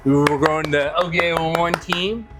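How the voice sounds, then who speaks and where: Man, middle-aged, podcast host, upbeat, welcoming, slightly high voice. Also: steady tone, normal speed, loud music behind the voice. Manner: upbeat, welcoming, lots of fillers. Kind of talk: casual podcast chat.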